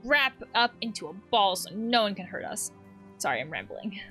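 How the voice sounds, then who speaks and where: A woman who works as a counselor, playing a video game and chatting reflectively as she reads the game text aloud with soft laughs. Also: medium pitch, big pitch swings, moderate pace, faint music behind. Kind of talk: let's play commentary.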